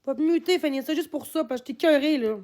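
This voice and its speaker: A woman with a Québécois French accent, talking live to her chat, swearing constantly, repeating herself and bursting into shouts. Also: high voice, fast. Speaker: livestreamer answering her chat. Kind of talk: live-stream rant.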